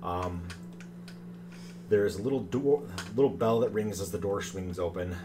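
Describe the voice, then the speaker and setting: Low-voiced male game master, noisy recording. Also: unhurried. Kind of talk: improvised tabletop game narration.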